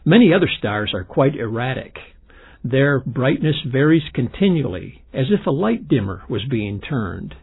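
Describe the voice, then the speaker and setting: A man with a gravelly, husky voice, giving explanatory commentary as an expert in a documentary. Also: mid-range voice, sing-song, normal speed. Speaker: expert interviewee, science lecturer. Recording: dull lo-fi sound, music behind.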